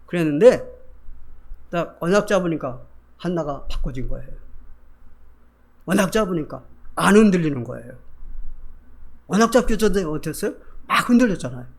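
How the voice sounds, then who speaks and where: A man preaching a Sunday sermon as pastor, asking the congregation rhetorical questions. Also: high-pitched. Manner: acts out Bible figures in quoted voices.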